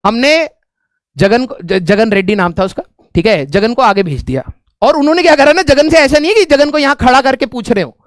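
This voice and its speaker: A man, his voice pitched very high, tells a comic classroom story in an animated way and laughs often. The sound is dry and close, with no room echo. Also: a little fast. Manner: animated, laughs often, repeats "theek hai" as a filler. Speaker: teacher telling a story to students.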